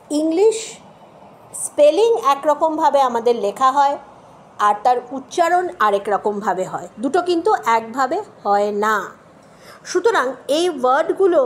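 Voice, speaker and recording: A high-voiced woman leads an English pronunciation lesson, spelling words out one letter at a time and patiently repeating sounds while often confirming listeners can follow. There's a little background noise.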